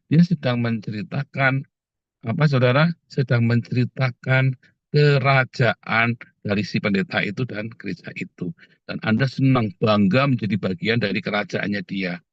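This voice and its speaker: A man preaching a casual, animated sermon, often calling his listeners "saudara" and slipping into quoted voices. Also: mid-range voice, no room sound. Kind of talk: conversational sermon. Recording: dull muffled dry sound.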